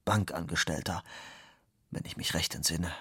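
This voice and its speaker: A man reading aloud who voices a timid, resigned jobless beggar, speaking quietly. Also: low voice, normal speed, slightly rough, no room sound, clean studio sound, voice pushed down, full character voice.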